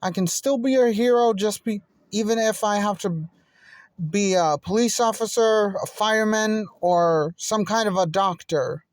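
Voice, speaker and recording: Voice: mid-range voice, a little slow, no room sound, clean studio sound, pitched above the performer's own voice, natural voice. A fan voice actor voicing an earnest teenage boy who wants to be a hero and stubbornly threatens to tell on a bully. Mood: determined. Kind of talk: fan voice acting.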